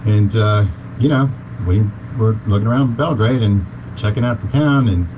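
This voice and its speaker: A man with a very low voice tells a rambling story as an interview guest, full of fillers and restarts. A noisy hiss sits under the whole recording. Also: normal speed.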